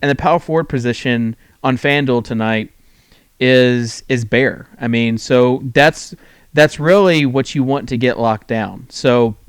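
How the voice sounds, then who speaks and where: A man hosting a fantasy sports call-in show, talking loosely with many pauses and restarts. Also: medium pitch, smooth, no echo. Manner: rambling, full of fillers and restarts. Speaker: host. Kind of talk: casual sports talk show.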